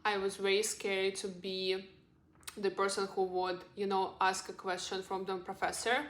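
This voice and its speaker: A young woman, a native Russian speaker with a Russian accent, gives casual advice to camera like a lifestyle vlogger. Her mid-range, slightly bright voice is monotone at a moderate pace, earnest and encouraging, in a roomy, echoing recording.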